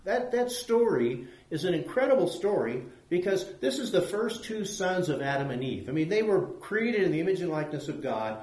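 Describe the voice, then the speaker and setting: A man's voice: sits high, reverberant, poor audio. A man teaching a Bible study who puts questions to his listeners.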